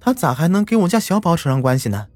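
A man's voice: on the high side, big pitch swings, fast, darkish tone, dry recording, soft background music, voice pushed up. A man voicing an anxious village mother who frets and pleads. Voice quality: fretful, pleading.

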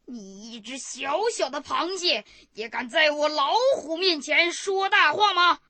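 A boastful, bullying male tiger, put on by a woman storyteller, blusters in slow, stretched-out words. The voice stays high and bright but takes on a growly edge. He sounds like a storybook bully. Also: slight background noise, heavily acted. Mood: blustering. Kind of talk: bedtime story character voice.

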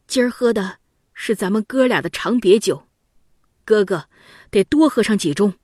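A woman voicing a gentle, self-sacrificing younger prince who speaks tearfully, in a storybook reading. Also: mid-range voice, normal speed, dry recording, clean studio sound, lightly acted.

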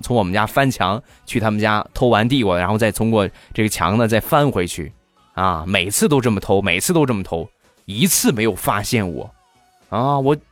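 Animated playful male storyteller. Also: on the low side, no room sound. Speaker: comedian storyteller. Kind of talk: comic storytelling monologue.

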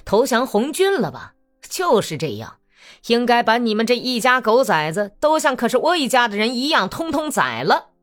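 A woman voicing an angry, hot-tempered young male Cossack who sneers and shouts threats. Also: mid-range voice, huge pitch swings, normal speed, faint music behind, pitched above the performer's own voice. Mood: furious.

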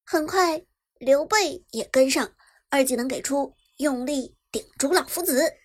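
A woman narrating a web novel chapter in brisk storytelling style, lifting her voice on the action. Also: sits high. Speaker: audiobook narrator. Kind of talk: scripted narration.

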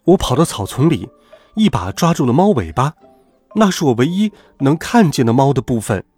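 Husky male children's storyteller. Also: mid-range voice, normal speed, soft background music. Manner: lively, expressive reading. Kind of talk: bedtime story narration for kids.

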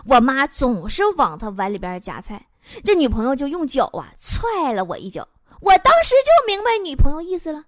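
A woman's voice: sits high, no room sound, studio quality. A young woman host with a Northeastern Chinese accent, reading funny listener stories aloud in a chatty, playful way and laughing between them.

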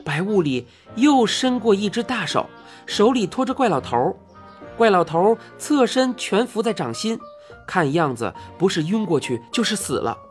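An animated storyteller reads with a lively, swinging pitch and plenty of drama. Faint music plays under the narration. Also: normal speed. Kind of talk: expressive audiobook narration.

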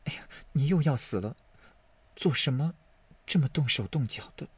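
Name: Daiyu. Figure: a man voicing a frail sharp-tongued young noblewoman. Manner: soft, teasing, reproachful. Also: medium pitch, expressive, moderate pace, husky, no echo, voice pushed up. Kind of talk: audiobook character voice.

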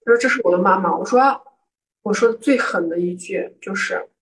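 A young woman from Guangzhou talks in a relaxed, chatty way, slipping into sharp, indignant voices whenever she quotes the people in her story. Her voice sits at an ordinary pitch for a woman. The microphone is set some distance from her. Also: brisk. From Guangzhou, southern China. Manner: animated, acts out quoted arguments with rising indignation. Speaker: guest telling a personal story. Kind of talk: casual storytelling chat. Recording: voice picked up from a distance.

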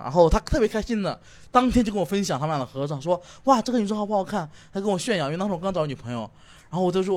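A man co-hosting a casual comedy chat, telling stories and acting out the quotes with lots of laughter. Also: high voice. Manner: animated storyteller, acts out quotes, laughs often. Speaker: comedian co-host.

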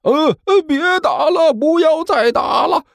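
A man voicing a flustered male peacemaker who pleads in a high, squeaky, frantic voice. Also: huge pitch swings, normal speed, darkish tone, slightly rough, no room sound, studio quality, heavily acted.

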